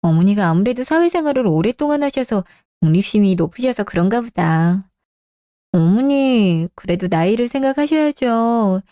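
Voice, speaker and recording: A woman's voice: mid-range voice, animated, normal speed, dark tone, dry recording, studio quality, natural voice. A woman voicing a curt, complaining daughter-in-law in a Korean radio drama. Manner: politely cold, complaining. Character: curt young-adult daughter-in-law, a teacher.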